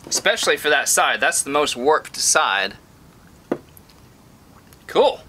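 A man's voice: fairly high pitch, animated, normal speed, pushed and bright, a little hiss or hum. A man talking casually through a bone carving project in his workshop, thinking aloud with frequent fillers. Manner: thinking aloud with many "um"s, upbeat when things work.

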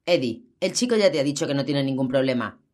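A woman reading the part of a calm, placating older man at a bar. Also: rumbling low, fast. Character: weary older male barfly, calm peacemaker.

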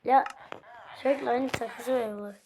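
A woman with a hoarse voice giving casual game commentary, chatting to her viewers and to the game's characters as she plays. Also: on the high side, fairly even intonation, moderate pace, noisy background. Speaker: gameplay video host.

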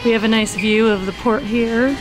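A middle-aged woman vlogging casually, talking excitedly while walking around a cruise ship with a handheld camera. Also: on the high side, normal speed, music in the background, rough recording. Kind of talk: casual travel vlog. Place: cruise ship decks and corridors. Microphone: handheld camera at arm's length.

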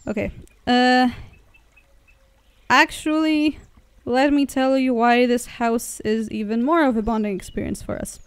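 Clear and resonant, this young woman's fairly high voice stays steady and moves a little slowly over a dry recording. She's a Polish vlogger chatting casually from a car in the woods, wandering off track and correcting herself while she narrates.

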